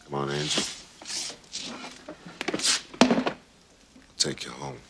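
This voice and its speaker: An actor playing a world-weary, hard-boiled American private detective, laconic and wry, in a noir drama. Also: male voice, very deep voice, flat delivery, slow, heavily acted. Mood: wry, pressing. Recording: clearly noisy film soundtrack.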